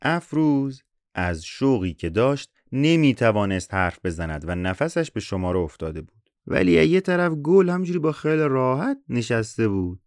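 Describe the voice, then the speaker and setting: A man's voice: mid-range voice, very animated, darkish tone, dry recording, clean studio sound. A man who reads a folk tale aloud and keeps breaking into casual, joking spoken comments. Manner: switches between a bookish reading and slangy joking comments. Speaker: storyteller.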